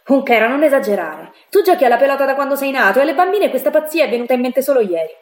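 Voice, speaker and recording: A woman reading as a serious, gentle young man. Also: sits high, expressive, very fast, voice pushed up. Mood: calm. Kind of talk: audiobook reading. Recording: echoey room.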